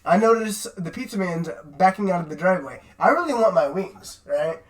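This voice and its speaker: A man's voice: high-pitched, lively intonation, fairly quick. A young man, a podcast co-host, telling a rambling, profane story in casual chat and tagging "right?" onto his sentences.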